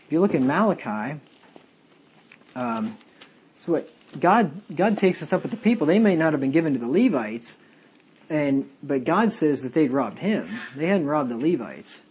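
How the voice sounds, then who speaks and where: Man, pastor, Bible-study sermon, husky voice, reads verses aloud, spells out words. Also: a little high, big pitch swings, moderate pace, a little mellow, dull audio.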